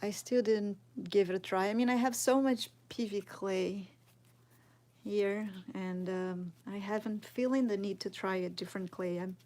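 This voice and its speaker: Speaking at a medium pitch in a steady, mellow tone, a Brazilian woman in her thirties with a Brazilian Portuguese accent teaches sculpting live. It's casual and slow, with her answering chat, thinking aloud and frequently murmuring while she works.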